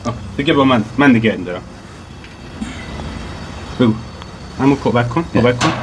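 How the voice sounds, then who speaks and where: A woman's voice: very deep voice, slight background noise. A woman, filming on a phone as she coaches a small child through grilling kebabs outdoors, with patient, encouraging instructions. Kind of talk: casual home vlog. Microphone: phone camera.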